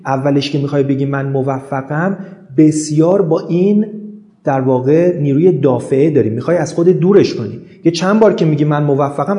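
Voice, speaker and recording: A man's voice: on the high side, warm tone. Male motivational speaker, earnest, list-driven delivery, echoey room sound. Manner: earnest, repeats affirmations in rhythmic lists. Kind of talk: self-help monologue.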